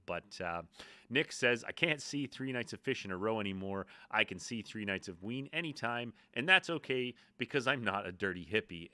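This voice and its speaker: A man's voice: low voice, bright, forceful tone, no echo. A man hosting a casual vlog, talking to camera in a rambling, self-deprecating way with many asides. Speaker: YouTube host.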